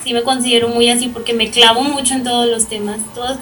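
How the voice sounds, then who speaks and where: A woman in her twenties with a Mexican accent introducing herself as a guest, lively and quick to laugh. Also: fairly high pitch. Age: 20s. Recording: distant mic with faint noise.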